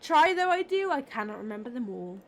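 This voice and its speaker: A woman's voice: a little high, big pitch swings, fairly quick, a little hiss or hum. A woman doing a rambling tourism officer. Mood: chatty. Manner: rambling and chatty.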